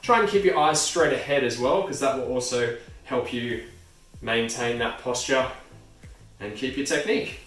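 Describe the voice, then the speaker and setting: A man's voice: medium pitch, normal speed, fairly bright tone. A young man in his twenties, a gym instructor, giving a casual home-workout tutorial with a loose, friendly delivery and plenty of fillers. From Australia. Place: home hallway, indoors. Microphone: camera mic, close then from across the room. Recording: echoey room, distant at times, faint music.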